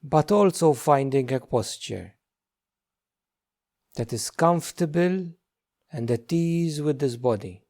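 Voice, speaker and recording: A man's slightly high voice leads a guided meditation. As the teacher, he keeps his phrases short, gentle, and unhurried, leaving many pauses.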